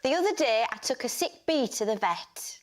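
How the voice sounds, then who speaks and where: A woman comedian telling an odd anecdote on a panel show in a deadpan, hesitant way. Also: fairly high pitch, normal speed. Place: TV studio. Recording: noisy studio.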